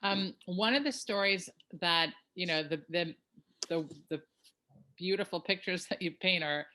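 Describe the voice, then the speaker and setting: Bright-voiced hesitant woman interviewer. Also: fairly low pitch, a little slow. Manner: hesitant, many fillers and restarts. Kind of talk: interview questions.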